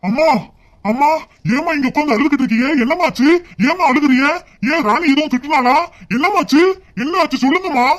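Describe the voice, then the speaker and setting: Someone voicing a brisk worried village son. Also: high-pitched, a bit bright. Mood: pleading. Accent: southern Tamil, Tirunelveli. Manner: brisk, pleading questions. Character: concerned grown son, man of the village house.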